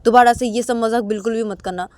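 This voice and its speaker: Woman doing a sharp, sulking young partner. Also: a little high, steady tone, quick pace, no echo, close to an everyday voice. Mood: upset. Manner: sharp, demanding, repeating questions.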